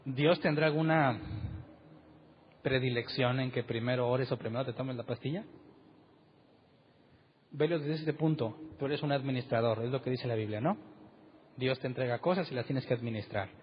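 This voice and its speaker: A man's voice: mid-range voice, normal speed, pauses often, long reverb tail, muffled recording, a little hiss or hum. A man preaching a conversational sermon as pastor, putting rhetorical questions to his congregation in a church meeting room.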